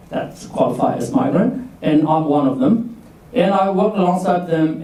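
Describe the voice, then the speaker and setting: Guy in his 40s from burma chatting to a room of students, fairly high voice, mellow, heard from across a big echoey hall. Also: distant mic. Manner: chatty, quizzes the audience for raised hands. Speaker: workshop speaker, leadership coach. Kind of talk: casual presentation to students.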